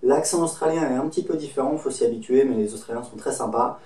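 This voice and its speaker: A man's voice: mid-range voice, fast, warm tone. A man from France in his thirties, hosting a casual advice talk to camera, chatty and friendly, drawing on his own travels. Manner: chatty, friendly, speaks from personal experience. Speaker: host giving travel advice. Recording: echoey room, mic set at a distance.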